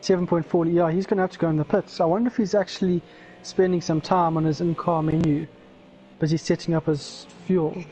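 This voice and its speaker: A man's voice: on the high side, fairly even intonation, brisk, warm tone, slight background noise, low-quality recording. A man co-commentating on a sim race, thinking aloud about what drivers are doing. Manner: thoughtful, speculating on drivers' moves. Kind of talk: live sim-racing commentary.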